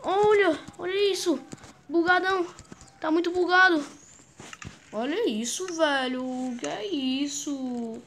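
High-voiced excitable Brazilian woman gamer. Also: slow pace, slight background noise. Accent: Brazilian Portuguese. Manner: excitable, chants words over and over. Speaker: gaming YouTuber. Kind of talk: gameplay commentary.

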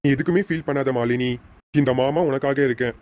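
A man's voice: mid-range voice, a little fast, a little mellow, close to an everyday voice. A man voicing an earnest young uncle and groom who talks in a reassuring way. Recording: lo-fi with faint noise.

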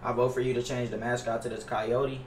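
A young American man livestreams games from an indoor room, chatting casually with viewers in slangy, profane language and often repeating himself. His mid-range voice has little pitch movement and runs a little fast, picked up by a gaming headset mic that sounds roomy, distant and noisy.

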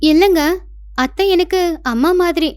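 Woman doing a meek, gentle young daughter-in-law. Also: extremely high pitch, normal speed, no room sound, clean studio sound. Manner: gentle, soothing.

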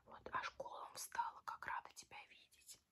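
A woman's voice: moderate pace, fairly bright tone. A woman in her twenties doing a whispered role-play as a chatty, tactless, self-promoting makeup artist, talking in an offhand, rambling way. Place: small room at home, indoors.

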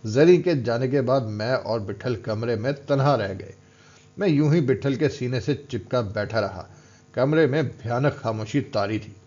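A man narrates an audiobook in a steady, even way, his voice at a middling pitch. The recording is somewhat dull and lo-fi. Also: moderate pace. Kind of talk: scripted narration.

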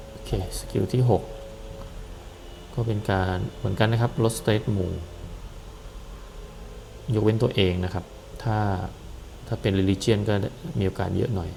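Gravelly low-voiced man explaining a game. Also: a little hiss or hum, poor audio. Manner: relaxed, hesitant, many fillers. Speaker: gameplay commentator. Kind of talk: casual game walkthrough.

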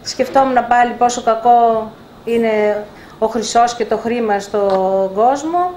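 An older woman publisher telling lively anecdotes in an interview, acting out the dialogue. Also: a little high. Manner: animated anecdotes with acted-out dialogue. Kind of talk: storytelling in a live interview. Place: bookshop event room. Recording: echoey room, faint background noise.

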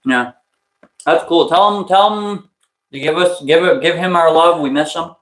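A man hosts a toy live stream, chatting excitedly and laughing often. His voice sits a little high for a man. The room around him is echoey. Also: normal speed. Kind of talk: casual live stream chat.

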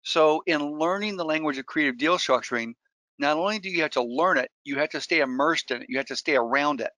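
A middle-aged Colombian real estate investor, a native Spanish speaker, gives an earnest webinar presentation full of stories and frequent restarts. His voice is fairly high, fairly quick and sharp, recorded with no room sound.

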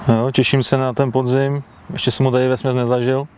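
This angler, in his thirties, talks into a clip-on mic from his fishing bivvy outdoors by a lake, replying to the interviewer in a plain, matter-of-fact manner. His mid-range voice shows little pitch movement against some background noise.

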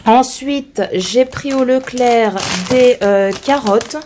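A woman who is hoarse from being ill, chatting casually to camera as she shows her groceries, rambling with many fillers and restarts. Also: fairly high pitch, slow, background noise. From France. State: hoarse from illness. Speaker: vlogger showing her groceries.

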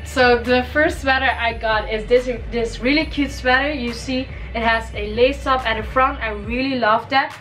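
Her voice is on the high side and a bit bright, with fairly even intonation, normal speed and hardly any pauses. She's a young adult Caribbean fashion vlogger, cheerful and talkative, going through a casual shopping haul indoors in her bedroom while nursing a cold that may make her voice crack.

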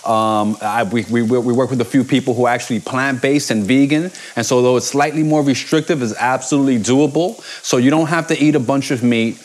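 A man's voice: mid-range voice, steady tone, brisk, hardly any pauses. A man in his forties talks through a live cooking show in a home kitchen. He is chatty and upbeat, and he keeps up an easy running banter while he cooks. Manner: upbeat, chatty, calls his partner baby.

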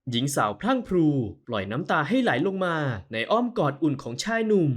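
Expressive male audio novel narrator. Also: fairly high pitch. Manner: measured, expressive.

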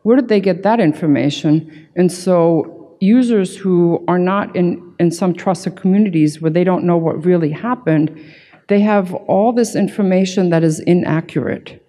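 A middle-aged security consultant delivers a keynote from a podium on a large conference hall stage, her fairly low, warm voice moving at a moderate pace. She explains things emphatically and informally, sprinkling in "right" and "you know." Her gooseneck mic feeds a PA, leaving hall reverb.

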